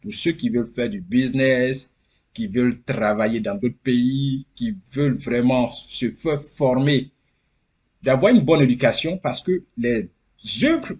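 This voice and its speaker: Man, husky voice, earnest guest who repeats himself for emphasis. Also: medium pitch, animated, a little slow, a little mellow. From Côte d'Ivoire. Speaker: interview guest. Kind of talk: casual interview.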